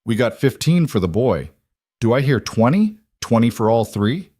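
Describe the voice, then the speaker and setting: A man's voice: mid-range voice, sing-song, normal speed, dry recording, clean studio sound. A man doing a brash, weasel-faced frontier auctioneer. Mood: hawking. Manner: loud hawking patter.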